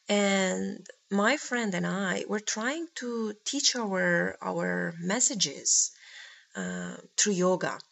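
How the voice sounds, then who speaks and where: A woman with a gravelly, fry-laced voice delivers a spiritual monologue. She talks earnestly and pauses often as she searches for words, with her pitch sitting in a middle range. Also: a bit bright. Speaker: spiritual teacher.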